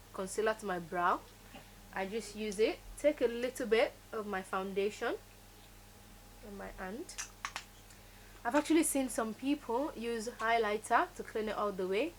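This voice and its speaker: A woman whose first language is Yoruba hosts a makeup tutorial, walking through beauty steps one at a time. Her mid-range voice is instructive and emphatic, repeating key words, with slight background noise in the recording.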